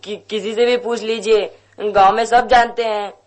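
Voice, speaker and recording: A man voicing a high pleading poor village boy. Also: level tone, moderate pace, lightly acted. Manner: pleading, tearful. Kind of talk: Hindi radio drama acting.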